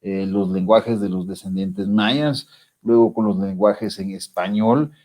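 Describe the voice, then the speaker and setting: A man's voice: fairly low pitch, a little slow, a little mellow. A man hosting an interview, asking long, hesitant questions full of fillers. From Guatemala. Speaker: interviewer host.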